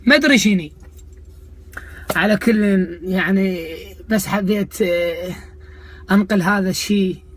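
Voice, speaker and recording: A man's voice: sits high, unhurried, long pauses, a little hiss or hum. A man with an Iraqi Arabic accent delivering a comic rant to viewers, mocking, indignant and sarcastic in manner. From Iraq. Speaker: comedian host of a video channel.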